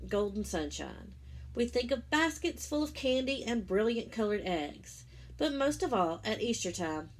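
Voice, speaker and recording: A woman reads aloud from a children's religious picture book in a mid-range voice, acting as a story-time teacher who pauses to offer simple asides to young listeners. Slight background noise can be heard.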